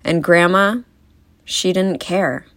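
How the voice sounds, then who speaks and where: A young woman giving a eulogy for her grandmother, telling stories with wry, gentle humor. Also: lowish voice, takes it slowly, no room sound. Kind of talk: eulogy speech.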